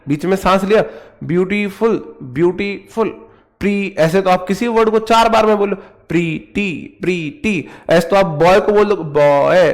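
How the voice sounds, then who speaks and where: A young man with a North Indian Hindi accent teaching English grammar in an online class, joking with and playfully scolding his students as he drills words. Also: high-pitched.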